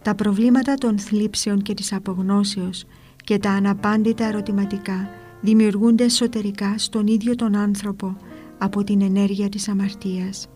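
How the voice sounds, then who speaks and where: A woman narrating a religious book in a calm, measured, reverent reading. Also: mid-range voice. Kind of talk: devotional reading over soft guitar. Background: soft guitar music.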